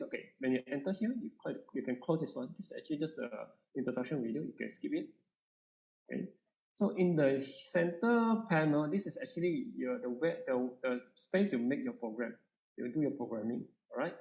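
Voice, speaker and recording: A man with a Malaysian accent teaching an informal coding lesson, switching between English and Malay, halting and often checking that listeners follow. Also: medium pitch, darkish tone. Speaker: coding workshop instructor. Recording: echoey room, faint background noise.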